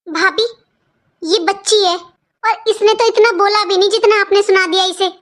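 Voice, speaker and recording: A woman voicing a gentle, restrained mother in a cartoon, speaking softly and calmly. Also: very high voice, normal speed. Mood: defending. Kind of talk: cartoon voice acting.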